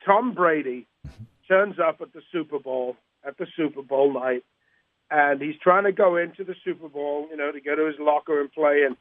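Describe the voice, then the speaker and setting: A man speaks as a caller on a live radio show. His voice sits a little high, and he tells things in an animated, repetitive way. The phone line makes him sound muffled and narrow. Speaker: radio show guest calling in.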